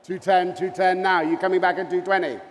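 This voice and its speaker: A man's voice: sits high, little pitch movement, brisk. A man working as a fine art auctioneer, calling bids live in a repetitive chant with courteous asides to bidders. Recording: echoey auction hall with long reverb.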